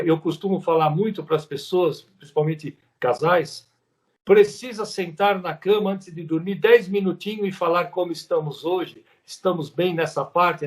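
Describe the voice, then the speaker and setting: High-voiced Brazilian man giving a spiritual lecture. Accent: Brazilian Portuguese. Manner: conversational, repeats and rephrases words for emphasis.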